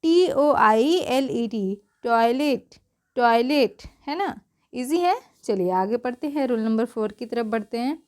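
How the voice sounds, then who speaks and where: A woman with a high voice gives a pronunciation lesson in a patient, teacherly way. She spells each word out slowly, says it twice, and keeps asking questions that she answers herself. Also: animated. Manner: asks the class questions and answers them herself. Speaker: English teacher.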